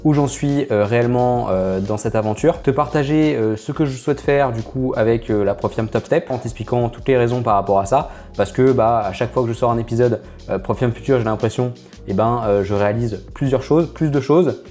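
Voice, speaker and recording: Homme français hésitant, voix sombre. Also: male voice, mid-range voice, fairly quick, darkish tone, soft background music. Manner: hesitant, full of filler "euh"; chatty, addresses viewers directly. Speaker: trading channel host. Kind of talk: casual screen-share commentary.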